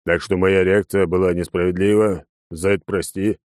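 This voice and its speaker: A man voicing a gruff, fair-minded old warrior who talks slowly and with weight. The voice is low and dark, recorded dry and close for an audiobook. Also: little pitch movement, no room sound, lightly acted. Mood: measured.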